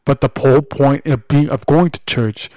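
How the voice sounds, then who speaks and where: A man's voice: medium pitch, fairly even intonation, moderate pace, mellow, no room sound. A man speaking bluntly and earnestly in a casual religious discussion, in colloquial language. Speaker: podcast co-host.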